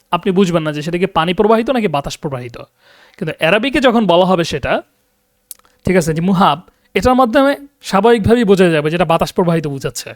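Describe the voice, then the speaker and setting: A man's voice: high-pitched, no echo, studio quality. A man giving an online class lecture as a teacher, explaining with many hesitant fillers and often checking that listeners follow. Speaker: Arabic teacher.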